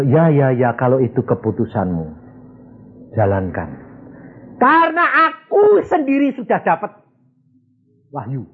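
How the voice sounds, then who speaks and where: A male pastor preaching a sermon as a story, acting out the dialogue of the people in it. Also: medium pitch. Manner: animated, acts out dialogue in voices. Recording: tinny phone-like recording.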